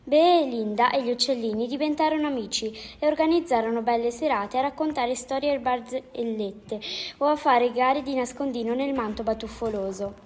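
A woman narrating a children's story in a gentle, lively reading manner. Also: fairly high pitch, normal speed.

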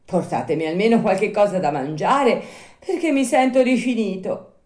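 A woman voicing a wooden puppet boy who is desperate and impatient, crying out in shrill pleas. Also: moderate pace, darkish tone, lightly acted. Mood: pleading. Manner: shrill pleading cries. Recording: roomy echo.

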